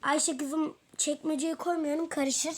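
A woman's voice: sits high, flat delivery, measured pace. A woman voicing a fussy, exasperated middle-aged mother in a toy role-play story, who keeps muttering exclamations under her breath.

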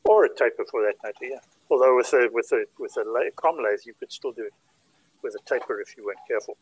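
Husky-voiced man explaining calmly. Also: medium pitch, fast talker, rough recording. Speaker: panel member. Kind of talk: casual chat. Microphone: video call.

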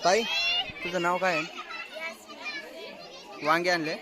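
A man's voice: high-pitched, level tone, unhurried. A man vlogging as he walks through an outdoor village market, asking short, friendly questions and repeating the answers back. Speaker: vlogger touring a school children's market. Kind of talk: casual walk-around interviewing. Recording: busy outdoor crowd noise. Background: crowd of children.

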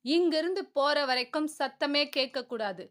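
A woman's voice: sits high, lively intonation, normal speed. Woman doing a curt, menacing kidnapper. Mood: threatening. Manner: curt, threatening. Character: menacing male kidnapper giving threats.

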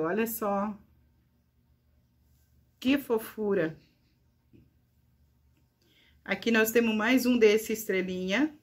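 Slow-talking woman gushing over her crafts. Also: fairly high pitch. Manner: gushing, addresses viewers as "gente" often. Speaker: crafter showing her work. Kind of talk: casual show-and-tell vlog.

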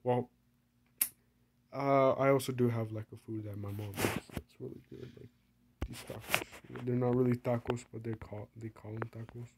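A man's voice: mid-range voice, little pitch movement, normal speed, darkish tone, slight background noise. Rambling young guy narrating a game, sick. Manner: rambling, playful, self-mocking. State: sick, coughing. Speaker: gaming vlogger. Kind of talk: casual game commentary. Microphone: phone screen recording.

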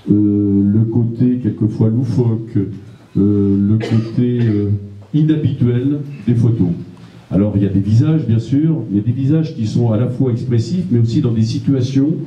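A middle-aged man, a mayor, giving a formal welcome speech on a handheld mic in a small gallery, pausing often with "euh". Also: mid-range voice, warm tone, a little hiss or hum. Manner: halting, many "euh" pauses. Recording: echoey room.

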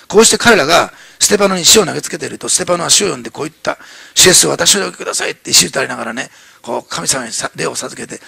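A man preaching a sermon as pastor in a church, animated and fast, acting out the voices in his story with many fillers. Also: fairly high pitch, gravelly, breathy edge, no echo.

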